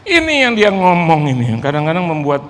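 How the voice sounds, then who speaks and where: A man's voice: on the high side, wildly swooping pitch, a little fast. A middle-aged male pastor, telling a sermon story with self-mocking humor. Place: large church hall. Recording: reverberant church hall, faint noise.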